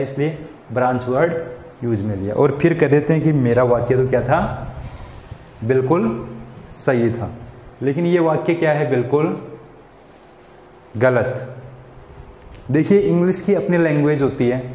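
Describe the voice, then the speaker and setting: A male teacher gives a patient lesson, posing questions and answering them himself. His voice sits a little high, and the sound rings in an echoey room. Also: a little mellow, a little hiss or hum. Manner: repeats questions and answers them himself, frequent "samajh gaye". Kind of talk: classroom lesson explaining English to Hindi speakers. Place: school classroom.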